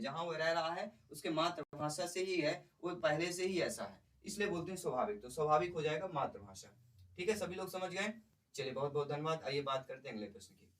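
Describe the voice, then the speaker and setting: A man's voice: on the high side, a bit bright. A man teaching an exam-prep lesson. He explains each question step by step and keeps asking the class questions. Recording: voice somewhat far from the mic.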